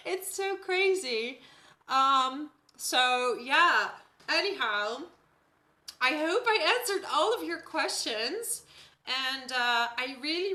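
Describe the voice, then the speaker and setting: Her voice is high, pushed and bright, with a roomy sound around it. She's a native Dutch speaker from the Netherlands doing a laid-back at-home astrology live stream, regularly checking in with viewers by asking "right?".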